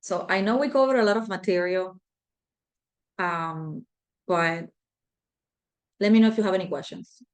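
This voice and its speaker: A woman's voice: on the low side, moderate pace, pauses often. Woman teaching a leadership class, chatty, lots of um and you know. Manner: conversational, filler-heavy, repeats herself. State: out of breath. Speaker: leadership trainer. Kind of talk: live online class.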